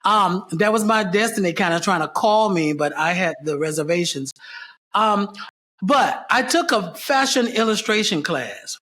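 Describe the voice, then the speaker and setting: A man's voice: sits high, lively intonation, a little slow, sharp tone. A man, a theater company founder, answering interview questions in a reflective, storytelling way, stacking up repeated phrases to make his point. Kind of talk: casual interview.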